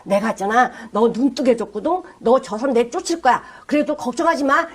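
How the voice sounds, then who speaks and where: Brief: Jesus in a retold story, a soft and comforting man, voiced by a high-pitched woman preacher. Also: brisk, slightly rough. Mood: reassuring. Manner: soft, comforting, speaks plainly to one person. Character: Jesus, a gentle reassuring grown man.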